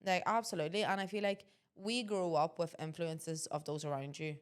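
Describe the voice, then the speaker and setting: Co-host: low-pitched woman in her twenties, opinionated and emphatic. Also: fairly even intonation, normal speed, smooth. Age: 20s. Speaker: podcast co-host. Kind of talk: casual chat.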